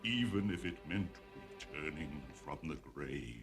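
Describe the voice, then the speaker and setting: Very deep, creepy old cartoon man. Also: lively intonation, measured pace, heavily acted. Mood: ominous. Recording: old cartoon soundtrack with music over it.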